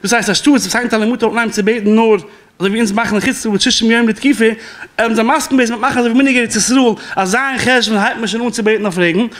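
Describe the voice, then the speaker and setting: A man's voice: very high voice, fairly even intonation, very fast, a bit bright. A man giving a rabbinic law class as a spoken lecture, explaining and quoting sources, with an occasional chuckle.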